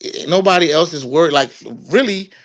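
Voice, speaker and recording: A man's voice: on the high side, a little fast, a bit bright. A young man from Washington, D.C., hosting a podcast in loose, slangy casual chat, laughing often. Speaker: podcast host.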